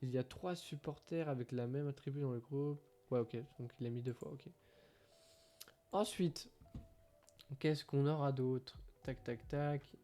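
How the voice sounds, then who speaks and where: This gaming streamer speaks in a warm mid-range voice at a measured pace. Reading translated patch notes aloud casually, he stumbles and hesitates with lots of fillers, noting English isn't his forte.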